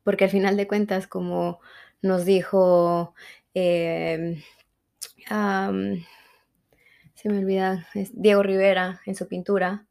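A woman, earnest and a little halting as she gropes for words. Her voice is mellow and dark, held to a narrow, level pitch without much rise or fall. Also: flat delivery, creaky. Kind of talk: casual reflective talk.

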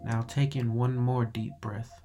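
A man narrating a guided meditation in a calm, soothing, measured meditative tone. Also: mid-range voice. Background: music.

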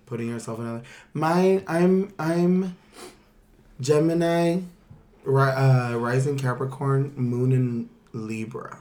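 A man co-hosting a relaxed podcast conversation. His voice sits at an ordinary middle pitch. He is playful and laughs easily, breaking off mid-thought and starting over. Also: slow. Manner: playful, laughs often, trails off and restarts. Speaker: podcast co-host. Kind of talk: casual podcast chat.

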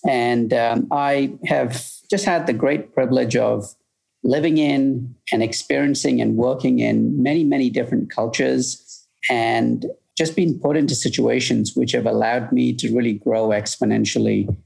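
A middle-aged future-of-work consultant, born in Malaysia and raised in the UK, answers interview questions as a guest. His voice is deeply gravelly and husky with a darkish tone and fairly even intonation, and he sounds measured and reflective, often saying "you know." The audio quality is poor.

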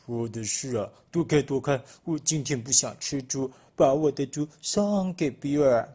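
A man voicing a bossy, fickle wolf in a storybook reading, booming and excitable. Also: normal speed, breathy edge, close to an everyday voice. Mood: evasive. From Malaysia.

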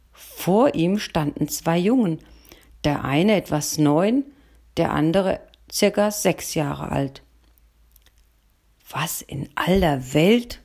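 Low, gravelly woman telling a story. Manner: calm first-person storytelling. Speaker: narrator. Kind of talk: audiobook reading.

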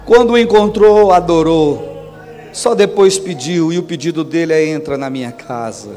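A Brazilian man preaching a sermon, telling the story with acted-out dialogue and building up to shouted lines. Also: a little high, normal speed, soft background music. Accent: Brazilian Portuguese.

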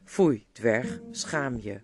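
A reader doing a slow, loyal old badger. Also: mid-range voice, lightly acted. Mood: earnest. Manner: slow, calm, earnest. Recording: guitar music playing underneath.

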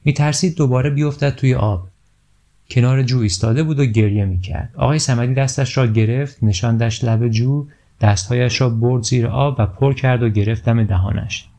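A man reading a children's storybook aloud in a calm, steady narrating voice. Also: mid-range voice.

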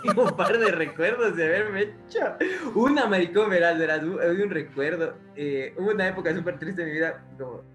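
Man, Ecuadorian accent, high voice, podcast host, casual chat, animated profane storytelling, faint music behind. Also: brisk, roomy sound.

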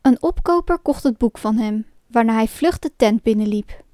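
A woman narrating a children's storybook gently and expressively. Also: a little high, lively intonation, moderate pace, no room sound.

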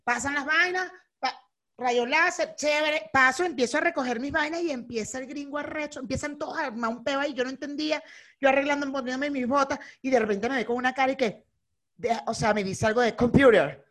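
A woman's voice: high-pitched, fairly quick. A young woman with a Venezuelan accent, co-hosting a casual chat and acting out the people in her stories. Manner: animated storyteller who acts out the people in her anecdotes. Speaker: co-host.

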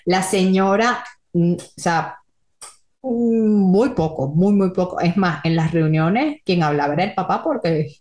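A woman's voice: fairly low pitch, unhurried, a little mellow, roomy sound. A woman co-hosting a podcast, chatting casually and telling anecdotes. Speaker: podcast co-host. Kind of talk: casual chat.

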